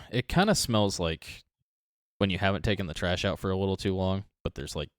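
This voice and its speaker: A man with a deep, low voice narrates a tabletop game as its dungeon master. He describes each scene in a loose, rambling way, full of fillers. The recording is close and dry. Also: moderate pace, no room sound.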